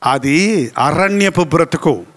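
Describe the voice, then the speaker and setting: High-voiced animated male preacher. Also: slow pace. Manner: animated storytelling, acting out voices and animal sounds. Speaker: pastor. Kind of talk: sermon.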